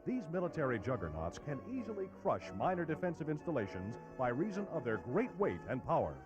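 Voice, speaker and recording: A man's voice: a little high, huge pitch swings, brisk. A man narrating an old newsreel in a dramatic, declamatory style. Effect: old newsreel sound. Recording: dull lo-fi film audio with music. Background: music.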